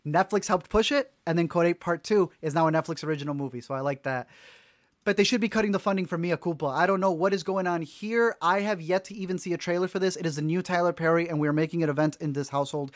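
A man co-hosting a casual movie news podcast, animated and joking with quick asides. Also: a little high, no echo, studio quality. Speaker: podcast co-host.

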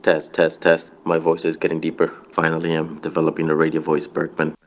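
A man who is ill and recovering, joking in a phone voice message with his voice pitch-shifted very deep. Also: completely flat delivery, brisk, slight background noise. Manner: joking, playful. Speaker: show regular leaving voice messages.

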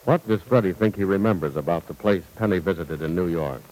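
A man's voice: sits low, fairly quick, darkish tone, low-quality recording. A man announcing in an old-time radio style, reading scripted serial teasers and sponsor copy with salesman's polish. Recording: old radio broadcast recording.

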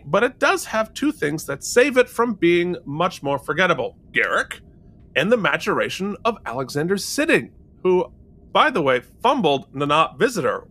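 A man with a high, bright voice co-hosts a relaxed review podcast. His pitch swings widely as he jokes, reads out comments and laughs often. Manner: animated and jokey, laughing often. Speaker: podcast co-host. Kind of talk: casual chat.

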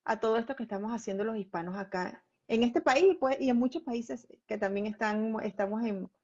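A woman's voice: fairly high pitch, brisk, darkish tone, slightly rough, dull audio. A woman hosting a live interview, asking long, winding questions and repeating words as she searches for them. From Venezuela. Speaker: host.

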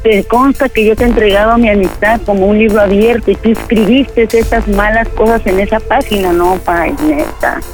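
A man's voice: sits high, fairly even intonation, normal speed, hardly any pauses, faint music behind. A man putting on the voice of a hurt, furious woman who scolds a male friend for betrayal in a prank phone call, with a Mexican accent. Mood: indignant. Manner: scolding, insistent, talks over the other. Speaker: prank caller.

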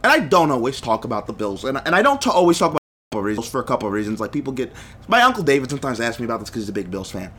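A man's voice: mid-range voice, sing-song, very fast, pushed and bright, a little hiss or hum. A young man hosting a solo sports podcast, talking emphatically and getting heated, repeating phrases for punch. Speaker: podcast host.

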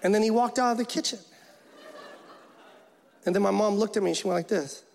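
A man doing stand-up comedy storytelling who talks animatedly and jumps into character voices, recorded in a large live venue with a loud audience. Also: sits high, brisk, creaky, slight background noise.

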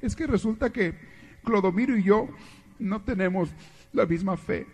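A woman's voice: medium pitch, normal speed, a little mellow, breathy edge, long reverb tail, voice pushed up. A man voicing a hesitant young bride who pleads with her mother. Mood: fretful.

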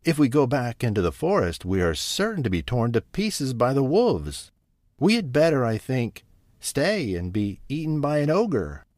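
A man's voice: mid-range voice, very animated, normal speed, darkish tone, dry recording, studio quality, voice pushed up, natural voice. A man voicing a small, brave and polite boy in a storybook, speaking earnestly. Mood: anxious.

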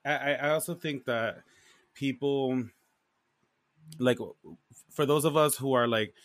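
A man co-hosting a podcast, chatting in a slangy, expressive, casual way. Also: mid-range voice, unhurried, no room sound, studio quality. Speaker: podcast co-host. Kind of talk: casual chat.

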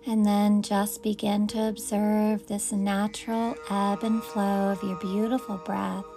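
A woman leading a guided meditation, speaking in soft, soothing invitations. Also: mid-range voice, little pitch movement, unhurried, vocal fry, soft background music.

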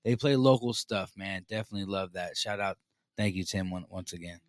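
Fast-talking man, slangy. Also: low-pitched, no room sound. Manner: slangy, says "man", "dude", "homie". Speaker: show host and event promoter. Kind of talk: casual chat with shout-outs.

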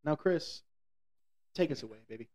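A man co-hosting a relaxed sports podcast, full of teasing jokes and puns. His voice sits a little above the usual male range. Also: on the high side, moderate pace. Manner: teasing, pun-making banter. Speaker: podcast co-host. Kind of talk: casual sports podcast chat.

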